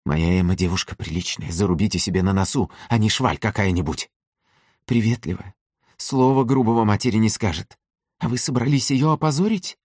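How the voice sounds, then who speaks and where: A man reading an audiobook, voicing a fierce old working-class mother who shouts and scolds. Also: fairly low pitch, brisk, slightly rough, dry recording, studio quality, pitched above the performer's own voice. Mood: furious.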